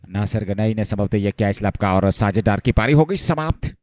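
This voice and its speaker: A man commentating live on a cricket match, getting excited as the play heats up. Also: on the low side, moderate pace, dry recording, clean studio sound.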